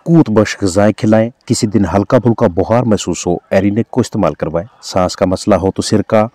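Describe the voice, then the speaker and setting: A veterinarian with a Pakistani Urdu accent reads scripted voice-over narration in a formal, instructive, steady manner. His voice is on the low side and fairly quick, with no room sound.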